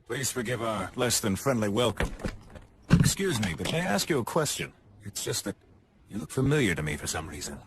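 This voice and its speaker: An actor playing a courteous, guarded security captain in an anime dub. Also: male voice, medium pitch, very animated, a little fast. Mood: polite, cautious. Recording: loud noise over dubbed clip.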